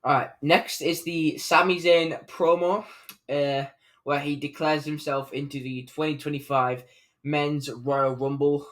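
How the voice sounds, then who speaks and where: A man's voice: fairly high pitch, flat delivery, unhurried, a bit bright. A man giving a casual, unscripted recap of a wrestling show, rambling along with plenty of fillers and self-corrections.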